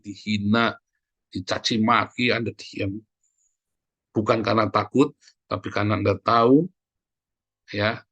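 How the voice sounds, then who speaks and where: A man with a fairly low, slightly bright voice, recorded with no room sound, preaches a conversational sermon. He calls his listeners brothers and sisters, poses questions and answers them himself, and his voice rises suddenly for emphasis.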